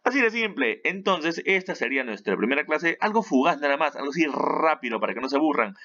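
A man's voice: on the high side, very animated, fast, bright, forceful tone, highs cut off. A man, teaching an online English lesson in a chatty way that keeps checking in with the listener. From Peru. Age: 30s.

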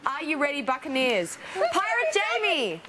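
A woman with an Australian accent, a reality show contestant reading out a roll call in an excitable, giggly manner. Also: high-pitched, normal speed, noisy background. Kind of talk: reading out a game announcement.

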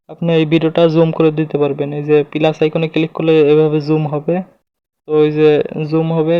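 A slightly high-pitched man with a clean tone runs an informal tutorial in a dry recording. He talks through the process step by step, pointing out details and using the same filler phrases over and over. The sound is close, lo-fi and a little dull.

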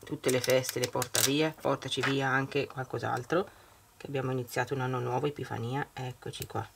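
A woman talks casually to her viewers while she works on her planner at home. Her voice has a gravelly, creaky texture. There is clear background noise in the recording. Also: rumbling low, level tone, brisk. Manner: chatty, talks to viewers while working with hands. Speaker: vlogger. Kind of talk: casual planner vlog with unboxing.

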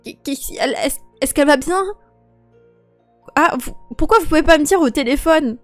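A woman's voice: high-pitched, moderate pace, soft background music, lightly acted. A woman voicing a young woman who has just turned eighteen, stammering and emotional as she talks to herself. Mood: anxious. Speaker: host and role-player. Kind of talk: game role-play voice acting.

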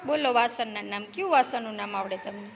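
A woman teaching preschoolers, coaxing them with repeated questions and quick praise. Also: mid-range voice, creaky, dull audio. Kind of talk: classroom questioning of small children. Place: village preschool classroom. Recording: noisy classroom recording.

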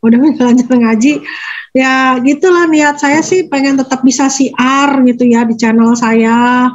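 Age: adult. Sex: woman. Role: interview guest. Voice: fairly high. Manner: rambling, halting, self-correcting. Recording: dull and lo-fi. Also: steady tone. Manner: rambling, halting, corrects herself mid-sentence. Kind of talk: casual conversational interview.

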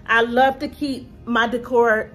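A woman's voice: a little high, steady tone, measured pace, a bit bright, faint music behind. A woman, chatting casually to camera about her thrift finds from her living room and calling her viewers y'all. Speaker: thrift haul vlogger. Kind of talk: casual haul vlog to camera.

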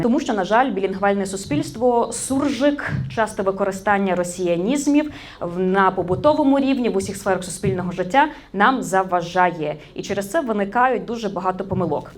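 Here a woman with a mid-range voice and Ukrainian accent works as a media trainer, holding an interactive session on correct Ukrainian usage where she tests the audience and corrects common mistakes.

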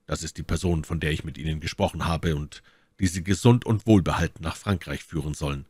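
A grim young officer, as a male storyteller reads him, devoted and resolute, speaking low and hushed. His very deep voice stays quiet and dry, close to the mic, in a storybook reading. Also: fairly quick, husky, no room sound.

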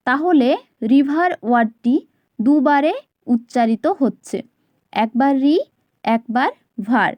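A woman teaching a grammar lesson to her channel, explaining carefully and repeating each example word slowly. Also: sits high, a little mellow, no room sound.

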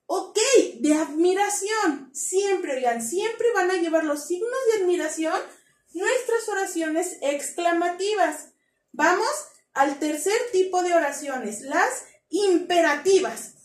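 A woman with a very high voice teaches a grammar lesson to young children. She talks in a lively, coaxing way and keeps asking the class questions. The sound is echoey, as if she is in a bare room. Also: slow pace.

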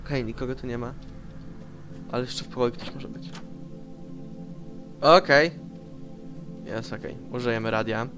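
A man giving casual, excitable commentary while playing a horror game, swearing and yelping when scared. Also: mid-range voice, normal speed, long pauses, music in the background. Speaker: let's play host.

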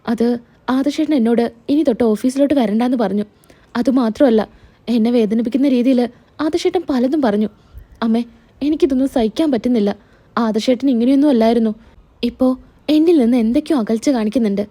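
A woman's voice: a little high, a little fast, mellow, close to an everyday voice. A woman voicing a hurt young wife in a spoken serial recap, pleading and upset.

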